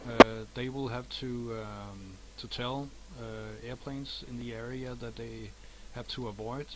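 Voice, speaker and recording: A man giving live explanatory commentary as an expert, pausing often to find his words. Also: mid-range voice, steady tone, noisy background. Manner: halting, explanatory.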